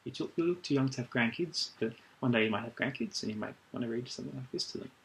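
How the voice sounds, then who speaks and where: A man doing an ASMR role-play as a librarian, chatting gently and recommending things in an unhurried way. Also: medium pitch, heavy background noise. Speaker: ASMR performer playing a librarian.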